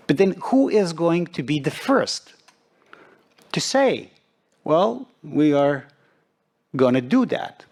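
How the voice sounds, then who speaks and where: A middle-aged man from Serbia speaking as a forum panelist, measured and deliberate, with frequent pauses. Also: on the high side. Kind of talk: panel discussion remarks.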